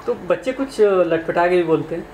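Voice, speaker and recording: A man's voice: high-pitched, lively intonation, normal speed, darkish tone. A man, teaching exam questions in a conversational way and asking his listeners questions. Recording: echoey room, faint background noise.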